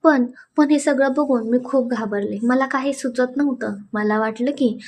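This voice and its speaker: A woman's voice: high-pitched, moderate pace, a little mellow, slight background noise. A woman doing a frightened young bride. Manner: shaky, evasive.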